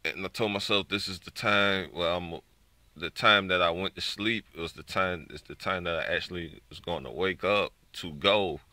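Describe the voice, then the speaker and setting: A man's voice: low-pitched, moderate pace, sharp tone, dry recording. A man talking casually to the camera in a vlog, groggy after little sleep, rambling loosely and swearing. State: groggy, just woke up. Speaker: vlogger.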